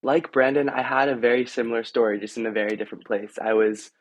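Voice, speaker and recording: A man's voice: mid-range voice, steady tone, fast talker, dry recording, low-quality recording. A young man, a student, telling a personal story in an earnest, heartfelt way. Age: young adult. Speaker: student panelist.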